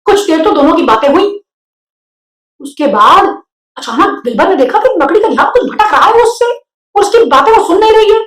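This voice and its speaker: A woman storyteller reading a children's story aloud in a lively, expressive way. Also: very high-pitched, a little fast. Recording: roomy echo.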